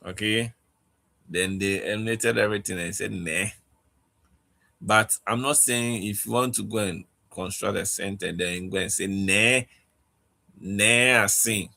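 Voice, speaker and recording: A man teaching a casual online language lesson, speaking haltingly and often checking in with "okay?". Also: lowish voice, steady tone, creaky, bright, forceful tone.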